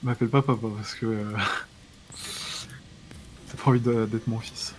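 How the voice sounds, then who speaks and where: A young man with a middle-pitched voice explains a survival game to a friend. He teases him with dry, crude jokes in easy banter. Faint keyboard typing can be heard behind him. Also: fairly even intonation, normal speed, a little mellow, a little hiss or hum. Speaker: co-player guiding a friend. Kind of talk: casual gaming banter.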